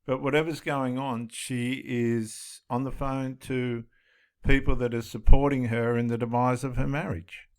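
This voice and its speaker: A man's voice: mid-range voice, little pitch movement, a little slow, a little mellow. A man commenting on police footage, stressing points by repeating his phrases. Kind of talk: video commentary.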